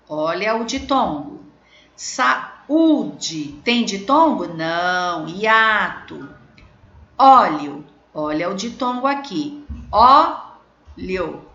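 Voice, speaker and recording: A woman teacher with a Brazilian Portuguese accent, slowly correcting exercises in a video lesson for children and spelling out words patiently. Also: medium pitch, bright, forceful tone. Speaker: primary school teacher. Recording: echoey room, dull lo-fi sound.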